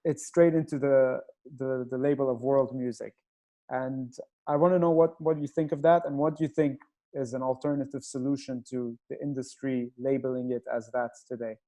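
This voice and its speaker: A man's voice: medium pitch, fairly even intonation, normal speed, mellow. A man who grew up in Nigeria hosts a casual interview over a video call. He talks hesitantly and searches for his words. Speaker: host.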